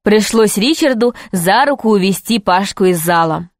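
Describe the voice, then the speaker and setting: A woman narrating a children's adventure story in an even, steady storytelling voice. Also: medium pitch, moderate pace, dry recording, clean studio sound. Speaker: audiobook narrator. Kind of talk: scripted narration.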